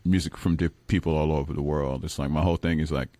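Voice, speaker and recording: In a radio studio, a musician from Brooklyn, New York, gives a relaxed interview, rambling, frequently restarting sentences, correcting himself, and chuckling at times. He has a warm bass voice with fairly even intonation and a quick pace. The sound is dry.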